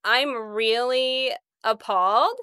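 A woman's voice: on the high side, slow pace, bright, forceful tone, smooth, no room sound. A young woman co-hosting a podcast, telling school stories in a chatty way and often laughing as she talks. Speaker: podcast co-host. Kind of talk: casual chat, storytelling.

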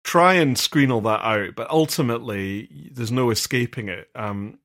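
A man's voice: mid-range voice, moderate pace, fairly bright tone. A man co-hosting a casual discussion podcast as a vicar, explaining earnestly at length with many fillers and restarts.

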